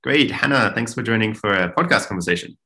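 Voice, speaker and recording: Deep, bright-toned male podcast host. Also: fast, faint music behind. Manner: relaxed, encouraging, many mm-hmms and ums. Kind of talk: podcast interview.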